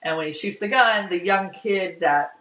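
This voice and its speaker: A man's voice: sits high, moderate pace, sharp tone. A man co-hosting a podcast, casually recapping a TV episode at length and acting out quoted lines. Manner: narrates plot at length, acts out quoted lines. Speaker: podcast co-host. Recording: roomy, distant from the mic.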